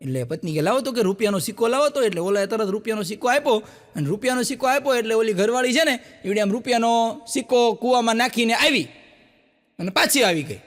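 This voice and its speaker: A man's voice: fast talker, big-room sound. A man telling folk jokes on stage, acting out each character in his stories. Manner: animated storyteller, acts out quoted characters with jumps in pitch. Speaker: stand-up joke teller. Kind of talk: Gujarati folk joke telling to a live audience. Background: audience laughter.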